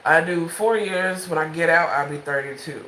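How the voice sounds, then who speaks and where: A woman's voice: deep voice, moderate pace, a bit bright, echoey room, slight background noise, poor audio. A woman in her twenties talking casually and frankly in a late-night home vlog, rambling between thoughts, with the phone held in her hand. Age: 20s. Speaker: vlogger.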